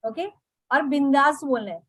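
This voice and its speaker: A woman teaching meditation, guiding listeners step by step at an unhurried pace and often checking in with "okay". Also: high-pitched, dry recording, rough recording. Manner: unhurried, repeats "okay" often, mixes in English words. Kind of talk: guided meditation instruction.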